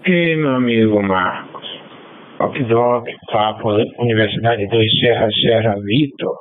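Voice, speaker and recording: Man, Bahian accent, over a two-way radio, low voice, very slow delivery, tinny narrow radio sound. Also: no room sound. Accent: Bahian Portuguese. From Bahia, Brazil. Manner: slow, courteous, spells call signs in the phonetic alphabet. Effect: heard over a two-way radio. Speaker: ham radio operator. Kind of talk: radio net sign-off with call signs. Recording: narrow dry radio transmission.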